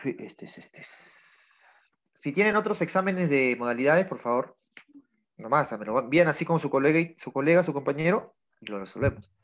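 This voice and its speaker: A man teaching an online class, his pitch rising and falling in a lively, animated way as he explains. He talks patiently and keeps checking whether the students follow. He is heard through a laptop microphone. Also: normal speed.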